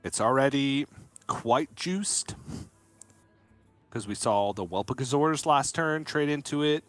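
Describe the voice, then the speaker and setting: A man's voice: mid-range voice, animated, takes it slowly, a bit bright, dry recording. A man casting a live card game tournament, teasing his co-caster with playful banter. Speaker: esports caster.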